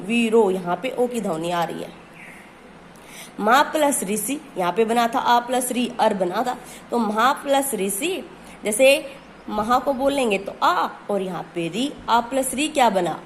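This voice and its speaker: A woman's voice: a little high, a little hiss or hum. A woman teaching a grammar lesson, who asks questions and answers them herself and stretches out key words.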